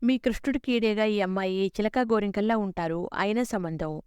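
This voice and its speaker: Nosy loud village auntie asking blunt prying questions, woman reading her in a storybook voice, smooth clear voice, dry. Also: mid-range voice, normal speed, no echo, close to an everyday voice.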